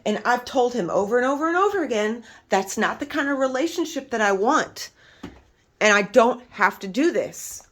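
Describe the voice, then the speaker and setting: A woman's voice: a little high, lively intonation, normal speed. Exasperated woman venting to camera. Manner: emphatic, exasperated, swears freely. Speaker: vlogger. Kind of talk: casual venting monologue to camera.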